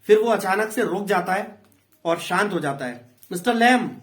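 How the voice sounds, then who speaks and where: A man's voice: sits high, lively intonation, moderate pace. A man with an Indian accent, an English tutor patiently explaining a play in a class lesson. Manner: patient, repeats and explains in two languages.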